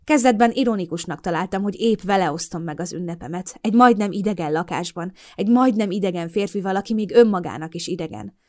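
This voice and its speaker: A young adult woman narrating a novel in the first person, in a gentle, reflective storytelling voice, recorded on a studio microphone. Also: mid-range voice, hardly any pauses. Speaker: audiobook narrator.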